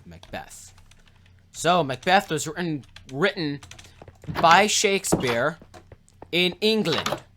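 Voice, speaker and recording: A man's voice: on the high side, expressive, slow, sharp tone, slight background noise. A man casually retelling a story as a video host, rambling with restarts, sarcastic asides and mouth sound effects.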